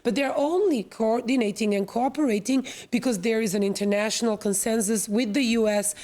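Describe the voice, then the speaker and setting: A woman from Serbia, a panel guest, speaking in a measured, deliberate way with some hesitation. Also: fairly high pitch, dark tone. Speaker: panel guest, NGO vice president. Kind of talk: panel discussion.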